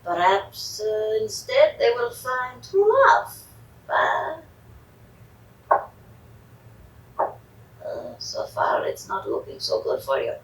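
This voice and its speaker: A woman playing a grandiose fortune-teller medium in a Halloween audio drama, switching between hushed whispers and commanding cries. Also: on the high side, big pitch swings, slow. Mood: pleading. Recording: echoey room, distant mic, faint noise.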